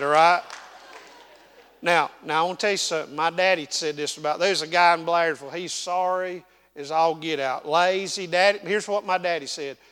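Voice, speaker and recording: A man's voice: a little high, a bit bright, smooth, long reverb tail. A man with an Appalachian hillbilly accent preaching a folksy, dynamic sermon in a church. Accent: Southern Appalachian. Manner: folksy, dynamic, drawn-out emphasis. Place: church sanctuary.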